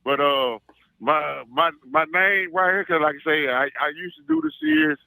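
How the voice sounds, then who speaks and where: A man with an Arkansas Southern accent, talking as an animated sports fan calling in, boastful and emphatic, repeating his phrases for effect. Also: a little high, normal speed, vocal fry, no echo. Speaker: call-in guest, self-styled football scout.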